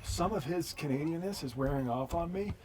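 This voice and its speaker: A man's voice: fairly high pitch, fairly quick, a crowd in the background. A man hosting a hiking show, chatting casually outdoors on a trail, laughing often and swearing freely. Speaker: show host.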